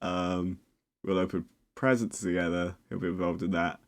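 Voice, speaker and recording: A young man co-hosting a podcast, chatting in a relaxed way with dry teasing humor. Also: low-pitched, normal speed. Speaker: podcast co-host. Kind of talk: casual chat.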